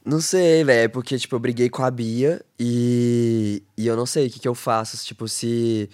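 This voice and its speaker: A man talking as a podcast guest in a relaxed, casual way, full of fillers. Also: medium pitch, normal speed. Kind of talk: casual conversation.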